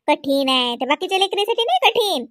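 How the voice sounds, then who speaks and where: Woman voicing a middle-aged cartoon mother, nagging, grumbling, Varhadi Marathi accent, high voice, dry close recording. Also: very animated, a little fast, a bit bright, dry recording, exaggerated voice. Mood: scolding. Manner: scolding, grumbling. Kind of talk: animated cartoon voice acting.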